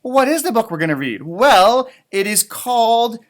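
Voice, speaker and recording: A male teacher reads a children's storybook aloud in an extremely high-pitched voice at a normal speed. He's animated, tossing in playful, rambling, chatty asides along the way.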